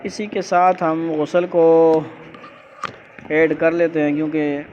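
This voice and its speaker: A man's voice: fairly high pitch, flat delivery, darkish tone. A man teaching a religious class step by step, giving firm instructions and often asking the students whether they understood. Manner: keeps checking understanding with quick questions. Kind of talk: classroom lesson explaining ritual steps. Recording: dull lo-fi classroom recording with faint background hum.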